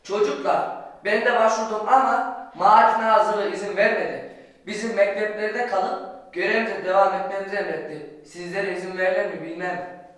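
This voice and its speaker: A man playing a fatherly schoolteacher giving measured counsel in an amateur school play. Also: sits high, steady tone, a bit bright. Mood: fatherly, grave. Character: fatherly male schoolteacher counselling his teenage pupils. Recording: echoey hall, distant mic.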